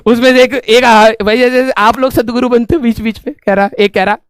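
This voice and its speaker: A man, his voice pitched very high, tells a comic classroom story in an animated way and laughs often. The sound is dry and close, with no room echo. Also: fairly quick, smooth. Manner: animated, laughs often, repeats "theek hai" as a filler. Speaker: teacher telling a story to students.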